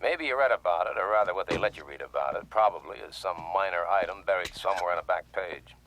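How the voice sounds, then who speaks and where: An actor playing a grim male reporter who narrates the story in scripted film narration, with a gravelly voice. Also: low-pitched, fast, a bit bright, a little hiss or hum, poor audio.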